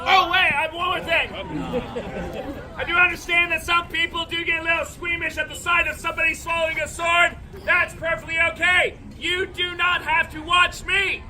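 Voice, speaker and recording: A man performing as a sword-swallowing street performer, delivering loud, rapid showman patter at an outdoor festival stage. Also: very high-pitched, level tone, a faint crowd.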